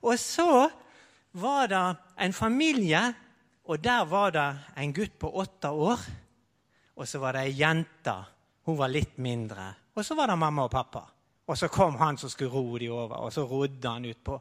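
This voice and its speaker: High, lively man preaching to children. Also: big-room sound. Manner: animated, leads the audience in sound effects; tells the story in first person as a disciple. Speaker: preacher telling a Bible story to children. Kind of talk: lively storytelling sermon for children.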